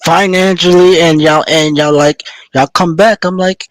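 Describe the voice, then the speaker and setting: Man on a loud, clipping mic. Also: fairly high pitch, steady tone, measured pace, no room sound. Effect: loud, clipping, distorted mic. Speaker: podcast panelist. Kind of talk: casual panel chat.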